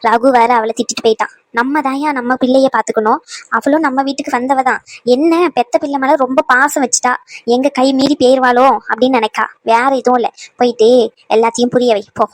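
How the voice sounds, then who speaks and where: A woman voicing mothers and daughters in a cartoon family drama, soft and motherly. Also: high-pitched, fairly even intonation, brisk, no echo. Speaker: voice actor for women in a family cartoon.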